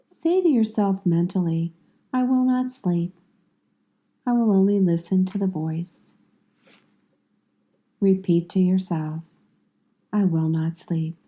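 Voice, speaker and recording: A woman guides a yoga nidra meditation, offering calm, soothing instructions in measured phrases separated by long pauses. Her voice is medium in pitch.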